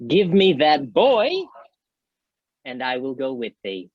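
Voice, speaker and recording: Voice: medium pitch, animated, unhurried, no echo, highs cut off. An actor playing a jealous, imperious fairy king in declamatory Shakespearean stage style. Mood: demanding, vengeful.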